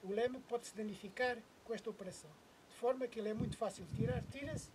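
Out on a lakeshore, the middle-aged host of a kayak fishing channel walks through a DIY setup step by step with patience and the occasional hesitation. He speaks fast in an extremely high-pitched, darkish voice with a European Portuguese accent, over slight background noise.

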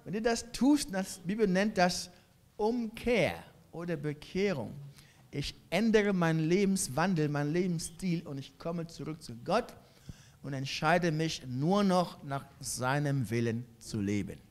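A man's voice: a little high, lively intonation, a little slow. A middle-aged man preaching a sermon, driving points home with repetition and questions to the congregation. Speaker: pastor.

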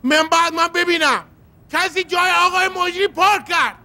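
A man's voice: extremely high pitch, pushed and bright, heavily acted. A man voicing a fussy, indignant male puppet neighbor who complains sarcastically in a TV puppet comedy.

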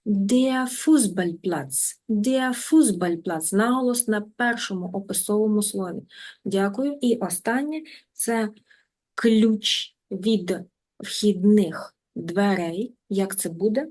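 A woman teaches an online language class at an even, middle pitch. She is patient and deliberate, slowing down to repeat each new word for her students. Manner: patient, repeats words slowly and drills them. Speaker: German teacher.

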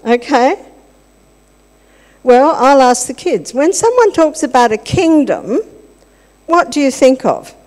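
An older woman chats playfully with children during a church service, asking them questions in a high, sing-song, slightly mellow voice. She goes slowly, leaving long pauses. With a handheld mic in a large hall with the congregation present, her words carry a long reverb.

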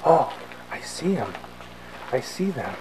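A joking man hikes a forest trail, filming with a handheld camcorder and adding playful mock-dramatic asides in a slow, sing-song, medium-pitched voice. A crowd can be heard in the background, and the outdoor audio is noisy.

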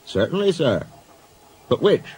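A man's voice: fairly high pitch, big pitch swings, unhurried, darkish tone, faint music behind, voice pushed up. A man voicing a dutiful, polite male railway inspector who speaks deferentially.

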